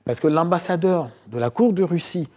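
A middle-aged man from Côte d'Ivoire talks through his past as a guest in a TV studio. His voice is husky and mellow, set a little high for a man. He tells it as a long story, pausing on fillers and circling back over phrases. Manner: long storytelling answers with many hesitations and repeated phrases. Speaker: historian and author guest. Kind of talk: TV interview, recounting his research.

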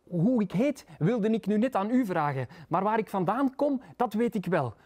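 A man's voice: high voice, lively intonation, darkish tone, voice pushed up. Man doing a jittery little pig, rambling, pleading, Flemish accent, storybook. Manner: breathless rambling, pleading, fast. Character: nervous, tipsy little pig pleading, male.

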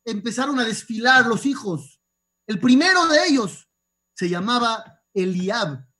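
A man's voice: extremely high pitch, a little slow. A rabbi giving a sermon, telling stories and asking his listeners questions. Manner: lively storyteller asking the audience rhetorical questions. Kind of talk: sermon with storytelling.

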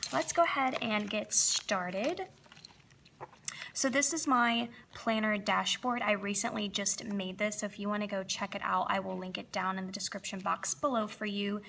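A young woman with a slightly froggy, vocal-fried voice at medium pitch chats brightly and forcefully in a casual plan-with-me voice-over, narrating her planner decorating. As a planner crafting vlogger, she sounds upbeat and chatty and uses plenty of fillers. There's slight background noise.

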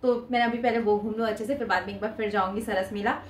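Filming a haul video in a small indoor room, a vlogger in her twenties talks fast and casually while showing her purchases to the camera. Her voice is mid-range with fairly even intonation, and the echoey recording carries a slight hiss or hum.

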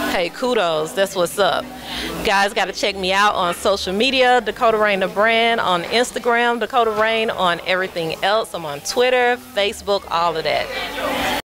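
A young woman hosting from a red carpet in gushing, upbeat chatter, speaking into a handheld microphone. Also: mid-range voice. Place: indoor event venue.

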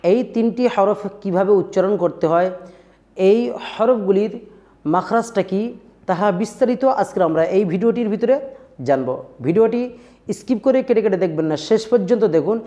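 A man's voice: sits high, normal speed, warm tone, dull audio. A man teaching the pronunciation of Arabic letters, addressing viewers as dear friends and drilling each sound over and over. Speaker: Quran recitation teacher.

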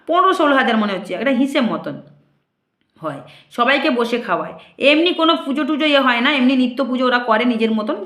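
A high-pitched woman in her thirties, speaking as a temple priestess and answering her critics. She talks in an indignant, questioning way, putting one rhetorical question after another to her viewers. Her voice rings around an echoey room. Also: fairly bright tone. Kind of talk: casual monologue to viewers.

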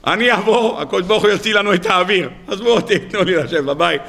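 A rabbi doing a stubborn ancient king in a sermon story, grumbling as he refuses. The voice is slightly lower than usual, yet still bright and clear. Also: heavily acted. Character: boastful ancient king, man, wary and stubborn.

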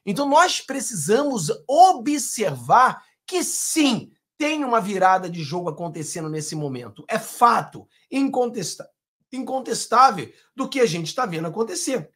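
A man's voice: sits high, big pitch swings, unhurried, a bit bright. Combative Brazilian man commenting on clips. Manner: combative, sarcastic, emphatic. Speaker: political commentator. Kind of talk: opinionated commentary over clips.

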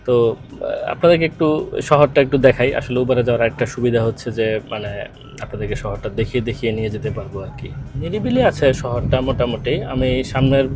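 A man's voice: mid-range voice, brisk. Guy vlogging on his phone, chatty, lots of um and ah, mid voice, bit of music behind. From Bangladesh. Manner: chatty and hesitant, with many fillers. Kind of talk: casual travel vlog narration. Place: outdoors, then in a car.

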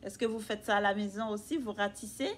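A woman's voice: medium pitch, fairly even intonation, a little fast, a little hiss or hum. A woman teacher reading a picture book aloud to young children, patiently asking them questions. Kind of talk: children's read-aloud lesson.

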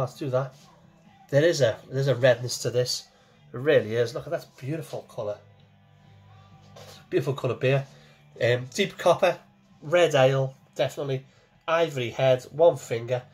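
A man's voice: mid-range voice, normal speed, pauses often, a little mellow, husky, faint music behind. A man in his forties, talking casually to camera from a small home kitchen as he reviews a beer, chatty and repeating himself as he goes.

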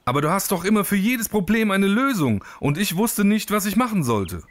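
A jittery little male bat, as a man puts him on, pitched well up and fretting. He sounds small and earnest, with a lively, bouncing voice. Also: fairly quick. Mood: anxious. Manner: anxious, pleading. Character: small timid male grey long-eared bat.

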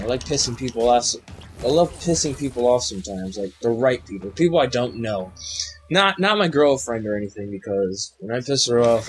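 A man's voice: mid-range voice, slight background noise, poor audio. A young man giving crude, rambling, self-mocking commentary while playing a video game. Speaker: gaming YouTuber. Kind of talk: casual let's play commentary.

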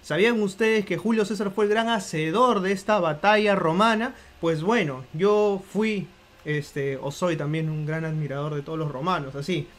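A man's voice: sits high, normal speed. A man with a Peruvian accent hosting a live book stream, talking to his viewers in a playful, theatrical way. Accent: Peruvian Spanish. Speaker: host of a live book podcast. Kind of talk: live-stream casual chat.

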